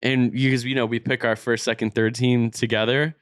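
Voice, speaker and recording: A man's voice: mid-range voice, little pitch movement, brisk, smooth, no echo. Male podcast co-host, playful and needling, mid-range voice, dry sound. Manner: playful, needling, easily amused. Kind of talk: casual banter about fashion and basketball.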